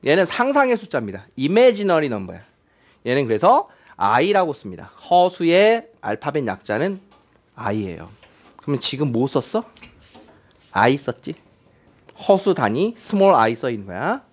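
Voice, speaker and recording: Lively high-voiced male math teacher. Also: measured pace. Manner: chatty, quizzing students with frequent questions. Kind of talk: classroom lecture. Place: classroom.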